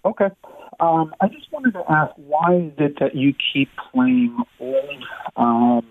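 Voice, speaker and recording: A man calls into a radio talk show, but his phone is held away from his mouth, so he sounds thin and distant over a tinny line. His voice sits a little high and is gravelly, and he talks haltingly. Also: very animated, no room sound. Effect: phone held away from the mouth, faint and distant. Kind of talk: call-in radio.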